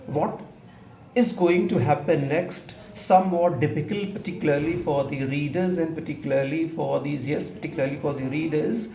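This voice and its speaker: A man teaching in a halting, repetitive way, often correcting himself as he explains in an educational lecture. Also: fairly high pitch, a little mellow. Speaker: English literature teacher. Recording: echoey room with faint noise.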